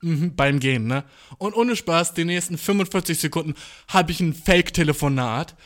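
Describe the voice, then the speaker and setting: Young man, podcast host, casual monologue, slangy, self-mocking, slightly high pitch. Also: animated, normal speed. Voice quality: slangy, swears a lot, mixes in English. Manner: self-mocking, laughs often, acts out his own thoughts.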